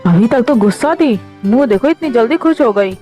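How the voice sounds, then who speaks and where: A woman's voice: fairly high pitch, expressive, a little fast, mellow, soft background music, pitched below the performer's own voice, close to an everyday voice. A woman voicing a teasing young husband who is busy with office work, coaxing his sulking wife in a fan audio drama.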